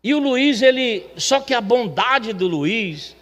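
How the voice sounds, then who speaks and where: High-voiced man telling a story from the pulpit. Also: takes it slowly, muffled recording. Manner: chatty, animated, acts out the voices of the people in his story. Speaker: church elder telling a testimony. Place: church sanctuary. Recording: long reverb of a church hall.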